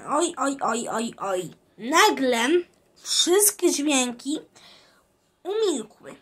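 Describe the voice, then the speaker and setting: A woman reads a children's storybook aloud. Her voice sits high and moves slowly, with slips and restarts where the words trip her up. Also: fairly bright tone. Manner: halting reading with slips and restarts. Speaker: reader. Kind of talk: reading a children's audiobook aloud.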